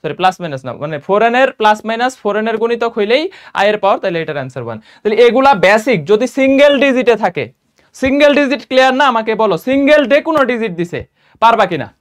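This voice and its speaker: High, clear-voiced young male math teacher. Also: lively intonation. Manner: quizzing students with quick rhetorical questions; mixes in English math terms. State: tired and a little low on energy after a run. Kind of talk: exam-prep math lesson.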